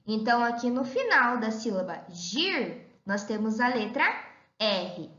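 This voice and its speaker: A woman teacher giving an online lesson to young children, talking in a slow sing-song way and calling herself "the teacher.". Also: on the high side, very animated, fairly bright tone. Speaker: primary school teacher. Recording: echoey room, dull lo-fi sound.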